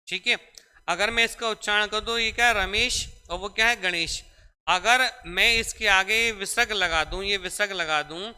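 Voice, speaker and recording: A man's voice: high-pitched, pushed and bright, clear, resonant tone. A young man teaching grammar in a classroom lecture. He explains step by step, repeats key points and calls his students "beta". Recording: echoey room with long reverb.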